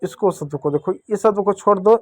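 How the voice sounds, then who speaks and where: A man with a fairly high voice leads a children's reading lesson. He sounds out each syllable slowly, repeats it and quizzes the listener. The recording is dry and close. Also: darkish tone, no room sound. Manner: patient, repeats syllables slowly and asks questions back. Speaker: teacher.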